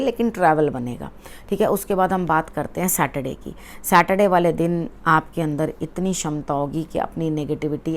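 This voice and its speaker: Woman tarot reader, deep low voice, earnest advice, frequent check-ins, faint background hiss. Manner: earnest and advisory, often adding "theek hai" to check in; mixes English words into Hindi. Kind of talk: weekly tarot forecast, advising viewers directly.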